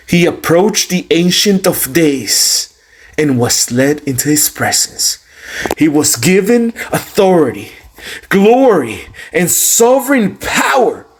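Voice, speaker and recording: A student reading scripture, this man has a somewhat high, husky voice. His delivery is solemn and declamatory, with phrases drawn out for dramatic emphasis.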